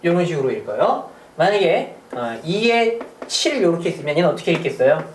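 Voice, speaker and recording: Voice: medium pitch, very animated, brisk, a little hiss or hum. A middle school math teacher giving a recorded lecture, chatty, asking rhetorical questions and cracking small jokes. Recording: roomy sound from a distant mic.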